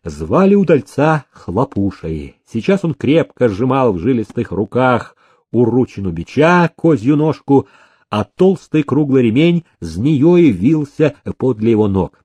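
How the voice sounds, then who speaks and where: A male narrator reads an audiobook in a measured, expressive voice of middle pitch. His tone is warm and mellow, and the recording is dry and close. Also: husky, dry recording. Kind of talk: scripted narration.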